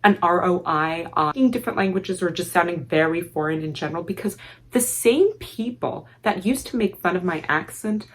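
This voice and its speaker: A young woman with an Armenian accent shares a personal story in a casual vlog, her lowish voice expressive at a normal speed. She favors formal, elaborate words yet often lets them tumble out impulsively, slipping in the odd "like."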